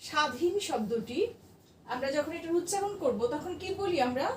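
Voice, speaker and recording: Woman teacher, high voice, patient question-and-answer lesson, distant mic with room echo. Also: expressive, moderate pace, a little hiss or hum. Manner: patient, asks the class questions and answers them herself. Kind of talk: classroom grammar lesson.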